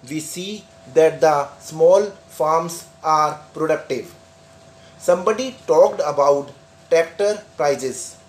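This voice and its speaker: A man dictating a prepared speech for practice, reading it out in deliberate, measured phrases. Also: a little high. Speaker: dictation instructor.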